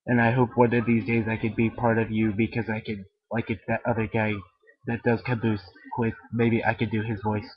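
A man with a deep voice recording an eager, rambling webcam message as a fan, talking casually at home. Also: completely flat delivery, normal speed, slightly rough. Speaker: fan making a video message. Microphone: webcam microphone. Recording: dull lo-fi webcam audio.

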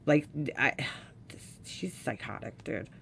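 A woman's voice: rumbling low, expressive, slow, creaky, a bit bright, breathy edge. A woman streamer with a New York accent, reading a letter aloud and ranting about it with scornful, profane exasperation. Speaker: makeup commentary streamer. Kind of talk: ranting live reaction.

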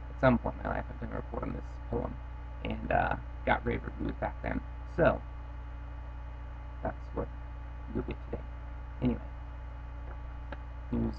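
With a medium-pitched voice and vocal fry, a young storytime channel host reads children's poems from his bedroom. He opens with offhand chatter full of fillers, then reads a rhyming poem in a steady rhythm. His built-in webcam mic yields dull, lo-fi sound with faint hiss.

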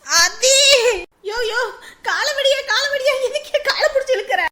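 A woman's voice: very high-pitched, expressive, moderate pace, bright, forceful tone, full character voice. A woman voicing a scheming young wife who wails, cries and begs not to be beaten. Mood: wailing. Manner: wailing, crying and begging. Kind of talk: dramatic story voice acting.

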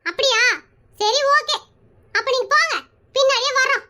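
A woman's voice: very high-pitched, normal speed, sharp tone. A woman voicing a pushy, chatty married aunt in a cartoon comedy, who plays matchmaker and talks. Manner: brash, nosy, rambling.

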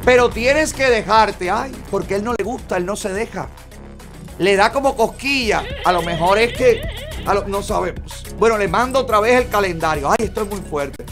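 A man hosts a gossip show, reading private messages aloud and reacting with theatrical exclamations. His delivery is flamboyant and dramatic throughout. Faint music plays softly underneath his voice. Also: high-pitched, animated, moderate pace. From Cuba. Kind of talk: reading chats aloud with commentary.

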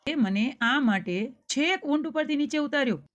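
A woman's voice: on the high side, very animated, moderate pace. A woman doing a kindly camel rider, raised and earnest. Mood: angry. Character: kindly grown man riding a camel, quick to anger.

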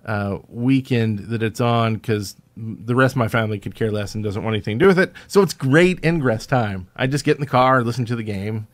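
A man's voice: medium pitch, a little fast, few pauses. A man, co-hosting a podcast in casual chat and rambling with many fillers. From Alabama, USA. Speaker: podcast co-host.

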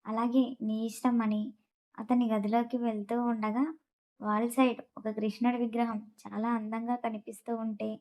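A woman's voice: a little high, little pitch movement, normal speed, a little mellow, rough recording. A woman narrating a romance story, reading all the characters' lines in nearly the same voice.

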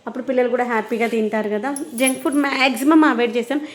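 A woman's voice: a little high, fairly even intonation, rapid-fire. A woman. She chats casually to her viewers like a home vlogger, explaining her points in an everyday conversational way. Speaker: vlogger and mother.

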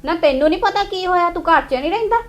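A woman playing a sharp-tongued wife who scolds her husband sarcastically. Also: very high-pitched, fast talker, echoey room. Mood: scolding. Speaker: nagging wife in a family drama.

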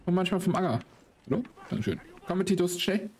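A man giving excitable, slangy casual commentary while he plays a game, swearing often. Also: high voice, quick pace. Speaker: let's play host.

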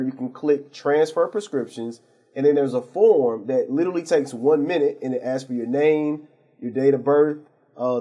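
A man speaks as a guest on a local TV talk show, explaining things earnestly with many fillers and restarts. His voice is dark and a little husky. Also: medium pitch. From St. Louis area. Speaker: pharmacy owner, guest. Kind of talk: TV interview.

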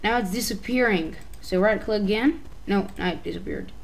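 A woman's voice: medium pitch, moderate pace, gravelly, poor audio. Hesitant Albanian-accented woman explaining steps. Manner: hesitant, often restarting and correcting herself. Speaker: tutorial maker. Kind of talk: casual screen-recording tutorial voice-over.

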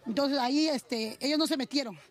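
A woman giving a halting eyewitness account on the street, restarting and repeating her words. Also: sits high. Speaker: eyewitness interviewee. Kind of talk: spontaneous street testimony.

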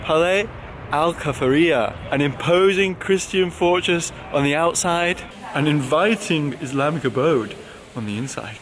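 A man's voice: fairly high pitch, unhurried. A young man narrating a travel vlog with dry, joking asides while filming outdoors on a handheld camera. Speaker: travel vlogger. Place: outdoors on hilltops and city streets. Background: music.

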